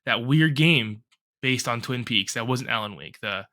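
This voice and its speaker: Bright-sounding dude on a podcast, rambles, swears a lot, kinda congested. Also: male voice, medium pitch, unhurried. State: lingering cough and congestion. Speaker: podcast co-host. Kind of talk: casual podcast chat.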